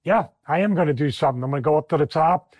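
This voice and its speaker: A man briefly voicing a defiant male wrestler in quick, offhand mock dialogue. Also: fairly high pitch, no echo, narrow, tinny audio, close to an everyday voice. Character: wrestler quoted mid-match, adult man, defiant.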